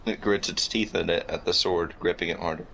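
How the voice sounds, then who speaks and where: A man narrating as game master of a tabletop game, halting often with uhs. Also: low voice, steady tone, creaky, sharp tone, slight background noise, poor audio.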